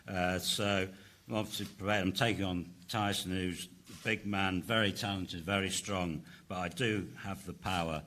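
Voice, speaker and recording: A man's voice: low voice, steady tone, normal speed, pushed and bright, a little hiss or hum. A man interpreting a fighter's answers aloud at a press conference. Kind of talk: spoken interpreting.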